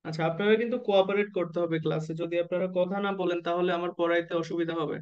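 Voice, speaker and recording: High-voiced man teaching an online class. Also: flat delivery, clean tone, muffled recording. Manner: asks the class questions and waits for answers; slow, drawn-out spelling of letters and abbreviations. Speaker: nursing admission exam tutor.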